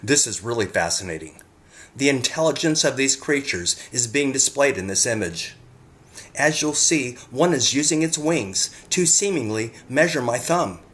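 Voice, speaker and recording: In this clip a man presents his own photographs, reading a script earnestly and addressing the viewer directly. His voice sits in the mid range, animated and a touch bright, at a moderate pace.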